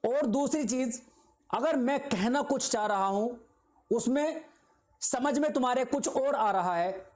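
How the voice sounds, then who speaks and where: A man's voice: very high-pitched, a little slow, a little mellow. A man teaching an exam-prep video lecture. He explains patiently with simple examples, repeats his points and keeps checking in with his students.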